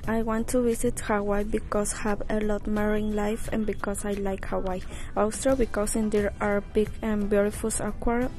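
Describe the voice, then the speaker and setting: A woman's voice: mid-range voice, little pitch movement, normal speed, darkish tone, soft background music. A woman from Mexico, earnestly reading out a prepared class presentation. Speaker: English learner.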